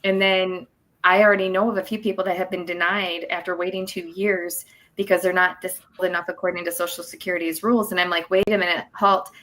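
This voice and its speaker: A woman's voice: lowish voice, level tone, fast, a bit bright. A woman, a guest on a talk show, explaining benefit rules at length in a casual, chatty way. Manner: explanatory, talks at length with fillers. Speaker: work incentives coordinator guest. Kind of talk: casual chat on a podcast.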